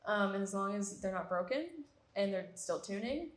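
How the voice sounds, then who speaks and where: A young woman musician answering interview questions in a chatty, relaxed way, with lots of ums. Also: medium pitch, moderate pace. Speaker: musician guest. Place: art bar event space. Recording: roomy live venue.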